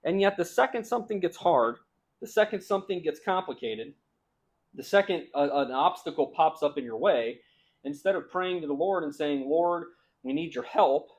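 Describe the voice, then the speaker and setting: Man, Bible teacher, fairly high voice, casual explanatory talk, reads verses aloud with emphasis. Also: darkish tone, low-quality recording. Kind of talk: conversational Bible lesson.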